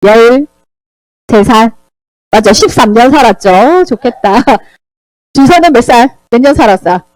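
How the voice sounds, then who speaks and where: A woman teaching a children's Sunday school Bible lesson, animated and asking the children questions. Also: on the high side, measured pace, no room sound, rough recording. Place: church classroom.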